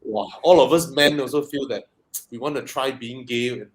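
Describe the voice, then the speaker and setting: A Malaysian man with a mid-pitched voice hosts a casual live chat. He speaks colloquially and banters in a joking way with the people around him. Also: normal speed, noisy background. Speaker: host.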